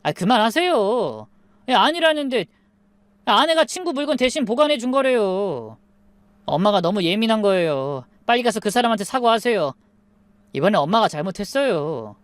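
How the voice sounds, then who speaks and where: A woman's voice: medium pitch, very animated, normal speed, no room sound, lightly acted. A woman voicing a grown son who scolds his mother in irritation. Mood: irritated. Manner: exasperated scolding.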